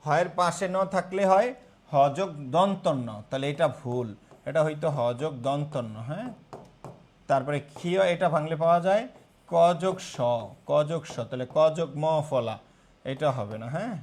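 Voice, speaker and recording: A man's voice: on the high side, animated, moderate pace. A young man teaching grammar in a live online class, repeating terms and quizzing his students.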